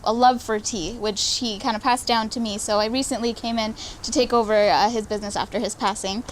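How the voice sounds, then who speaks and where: A woman's voice: on the high side, steady tone, fairly quick, slight background noise. A woman in her twenties, a guest on a talk show, speaking casually and a bit hesitantly. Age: 20s. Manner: casual, hesitant speech with fillers. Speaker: tea business guest.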